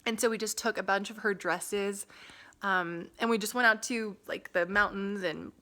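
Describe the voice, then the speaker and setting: A young woman from Las Vegas chatting casually to her camera, full of "like" and "um" and quick laughs. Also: mid-range voice, steady tone, bright, forceful tone. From Las Vegas, USA. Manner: chatty, lots of "like" and "um", laughs often. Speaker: vlogger. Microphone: phone camera.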